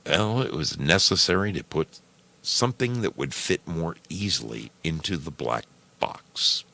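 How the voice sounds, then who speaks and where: Reading a short story from a script, the man, a storyteller who also hosts a program, speaks in measured phrases. His voice is extremely deep with a gravelly, creaky tone, and his pitch rises and falls in a lively way as he proceeds deliberately.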